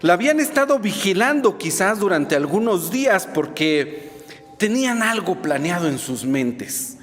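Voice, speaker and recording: Lively high-voiced preacher in a reverberant church. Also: male voice, unhurried. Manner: expressive storytelling, rhetorical asides to the congregation. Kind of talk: sermon. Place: church hall. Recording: long reverb in a church hall.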